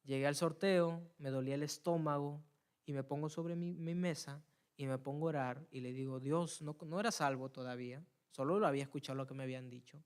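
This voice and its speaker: A man preaching a church sermon, telling a personal story and building to loud, fervent appeals, often repeating words as he searches for them. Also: fairly high pitch, a little fast, clean tone. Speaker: preacher giving testimony. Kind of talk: Spanish-language church sermon.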